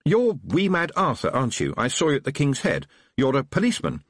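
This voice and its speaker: A man voicing a young witch girl with a sharp, bossy, schoolteacherly manner. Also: mid-range voice, wildly swooping pitch, brisk, dry recording, clean studio sound, pitched above the performer's own voice. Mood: curious.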